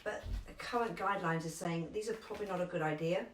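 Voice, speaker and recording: Female first aid instructor, London accent, chatty, stresses steps slowly; roomy, distant sound. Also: fairly low pitch, a little hiss or hum. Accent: London English. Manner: chatty, emphatic, repeats key instructions slowly. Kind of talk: live online first aid class. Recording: echoey room, distant from mic.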